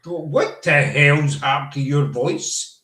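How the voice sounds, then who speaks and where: Speaking slowly in a fairly high, pushed and bright voice, this man hosts a casual podcast chat. He's Scottish with a Glaswegian accent, rambling through anecdotes and leaning on plenty of fillers, and the room echoes.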